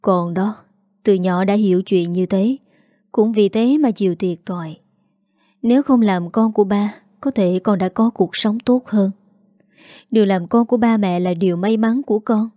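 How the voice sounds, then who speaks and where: Woman voicing a frail old father, soft weary voice, warm low timbre. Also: moderate pace, no room sound, clean studio sound, close to an everyday voice. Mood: weary tender.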